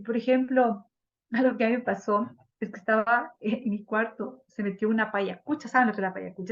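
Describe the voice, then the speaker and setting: A woman teaching a flower therapy class, lively, often acting out the people she quotes. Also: fairly high pitch. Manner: lively, acts out quoted people in changed voices. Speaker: instructor of a flower therapy workshop. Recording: dull lo-fi class recording.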